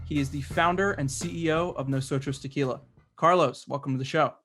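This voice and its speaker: A man opens his podcast with a brief scripted welcome and questions for his guest. His voice sits a bit higher than most men's. Soft music plays faintly underneath. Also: steady tone, a little fast. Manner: friendly, scripted intro. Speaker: podcast host. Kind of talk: podcast interview.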